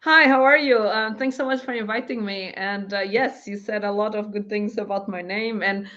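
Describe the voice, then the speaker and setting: A woman speaks as an interview guest, lively and quick to laugh. Her voice sits at a middle pitch and comes through a dull, lo-fi feed. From Portugal. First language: Portuguese. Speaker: guest, head of growth. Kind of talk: live interview. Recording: dull lo-fi audio.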